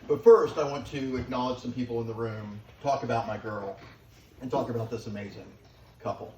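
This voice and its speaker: A middle-aged man giving a father of the bride wedding speech, sincere and affectionate, with deliberate pauses for the guests. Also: mid-range voice, darkish tone. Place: large room at a wedding reception, guests present. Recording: echoey, noisy room, distant microphone.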